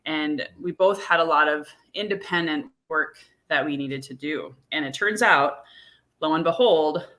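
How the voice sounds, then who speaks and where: Low-voiced woman host, bright tone. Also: measured pace. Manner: earnest, reflective storytelling. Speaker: podcast host. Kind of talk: casual conversation.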